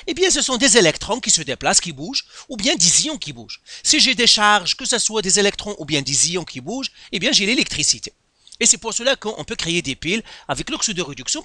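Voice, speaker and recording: A man's voice: high-pitched, bright, forceful tone, dry recording, clean studio sound. A man teaching a chemistry lesson in Quebec French, working through an exercise step by step and asking himself questions. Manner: explains step by step, with many rhetorical questions. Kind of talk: lesson explaining a worked exercise.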